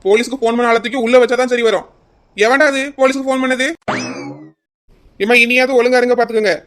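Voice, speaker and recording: A man voicing an impatient police inspector in a cartoon. He talks fast in a raised, highish voice and scolds briskly. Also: fairly even intonation, fairly bright tone. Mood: annoyed scolding. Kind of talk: cartoon voice acting.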